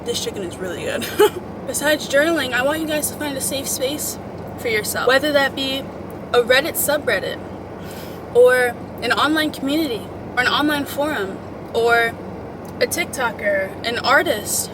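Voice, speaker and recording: With background noise behind her, this young woman speaks at normal speed in a high voice, chatting to followers with motivational tips. Her emphatic girl-talk feels like one friend to another, sprinkled with swearing and pet names.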